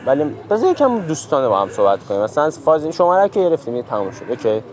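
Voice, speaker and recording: A man's voice: fairly high pitch, big pitch swings, darkish tone. A young man pulling a hidden-camera prank, pestering and pleading theatrically in street chat. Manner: pushy, teasing, theatrical pleading. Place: outdoors in a busy city park. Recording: crowd noise outdoors.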